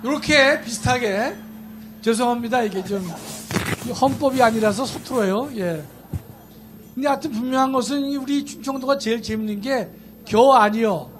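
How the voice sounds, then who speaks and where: A man's voice: very high voice, normal speed, music in the background. A man, a law professor, speaking at an outdoor political rally, chatty and joking, then emphatic. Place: outdoor rally in a station square.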